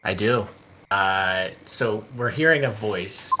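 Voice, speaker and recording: A man's voice: fairly low pitch, slow pace. A man chatting casually as a player in a tabletop role-playing game. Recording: clearly noisy background.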